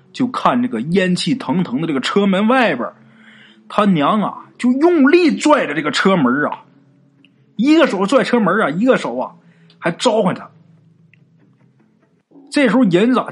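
A man's voice: sits high, husky. A man narrating a ghost story in a colloquial, dramatic storytelling manner.

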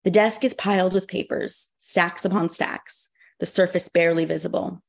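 A woman novelist reading aloud from her own book in a measured, dry, wry way. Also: lowish voice, steady tone, gravelly. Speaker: novelist guest.

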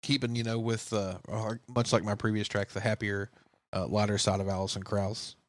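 A man's voice: on the low side, flat delivery, normal speed, no room sound. Laid-back joking podcast co-host man. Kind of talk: casual music chat.

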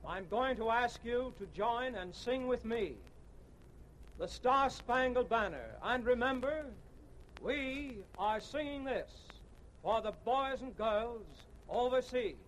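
A man's voice: very high-pitched, slow pace, a bit bright. An American man speaking as master of ceremonies in a grand, declamatory 1940s announcer style on a noisy outdoor radio broadcast. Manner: grand, declamatory old-time announcer addressing a crowd. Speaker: song leader and master of ceremonies. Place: outdoors in a city square.

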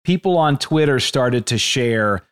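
A man's voice: mid-range voice, animated, unhurried, a bit bright, clean tone. A man co-hosting a podcast, talking in an opinionated, analytical way in casual chat. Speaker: podcast co-host.

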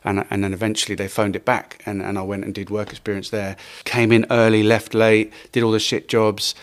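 This middle-aged Welshman speaks a little fast in a fairly low, flat voice, his Welsh accent gone and replaced by an English one. Sharing casual career stories as an interview guest, he swears frequently, laughs, and imitates the people he quotes.

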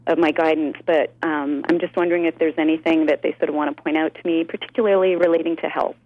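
A woman's voice: low-pitched, steady tone, quick pace, no room sound. A woman calling in to a radio show over the phone, speaking in a friendly, thoughtful way. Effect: heard over a phone line. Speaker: caller. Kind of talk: call-in radio chat. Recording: dull, dry phone line.

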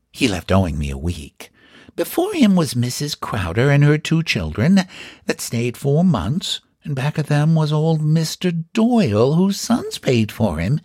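A man's voice: a little high, a little mellow, slightly rough, no room sound, clean studio sound, voice pushed up, exaggerated voice. A man voicing an old landlady who is proper, businesslike and stern, speaking in guarded, furry tones.

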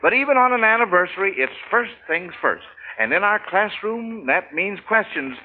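A man hosts an old 1940s radio quiz in a folksy, schoolmasterly manner. His pitch is high for a man, and the sound is a narrow, tinny vintage broadcast with some background hiss. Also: animated, normal speed. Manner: schoolmasterly, folksy address to children. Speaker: radio quiz show host.

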